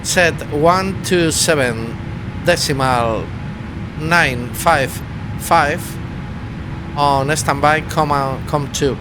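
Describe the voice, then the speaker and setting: A man with a Spanish accent, a native Spanish speaker, giving flight simulator commands and casual asides as the pilot. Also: very slow. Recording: loud engine rumble behind the voice.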